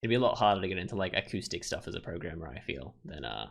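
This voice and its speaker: A let's player reads a visual novel aloud, blending narration with casual, rambling commentary over game music. His deep, creaky voice races along with big swings in pitch.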